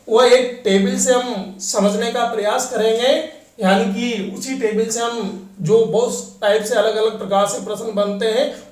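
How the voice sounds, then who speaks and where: Slow-spoken male teacher in an echoey room. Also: very high voice, distant mic. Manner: slow, drawn-out dictation with long pauses. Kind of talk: classroom grammar lesson.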